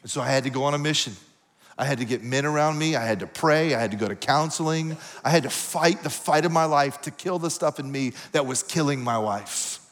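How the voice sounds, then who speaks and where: A man's voice: a little high, brisk, fairly bright tone. A man preaching a sermon, telling a personal story in a conversational, confessional way with asides to the congregation. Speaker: pastor. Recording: long hall reverb.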